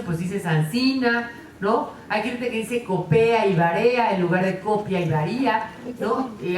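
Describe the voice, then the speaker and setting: A woman giving a lively, conversational conference talk, often adding tag questions. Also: mid-range voice, a little hiss or hum. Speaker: lecturer. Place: conference hall. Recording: echoey hall, distant mic.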